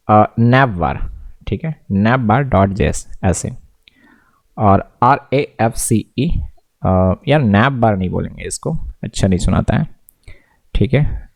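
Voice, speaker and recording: A man's voice: mid-range voice, a little mellow, no echo. A man giving a casual screen-recorded coding lesson, mixing English tech words into his talk and often checking whether the viewer follows. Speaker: coding tutor.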